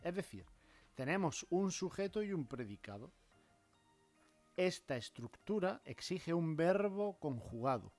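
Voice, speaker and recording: A man teaching a grammar lesson in a measured way, acting out example phrases with clear rises and falls in intonation. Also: on the high side, sing-song, a little mellow, soft background music. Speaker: language teacher.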